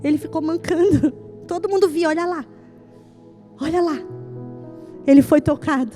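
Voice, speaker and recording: A woman pastor preaching a sermon at a church service. She stresses her points by repeating lines and tells stories with lively, voiced dialogue. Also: high-pitched, normal speed, soft background music.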